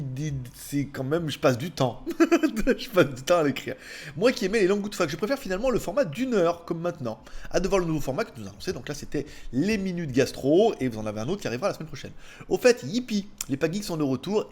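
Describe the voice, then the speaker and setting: A man hosting a casual viewer Q&A, rambling and laughing often between answers. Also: a little high. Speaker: host answering viewer questions. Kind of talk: casual chat. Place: indoors at home.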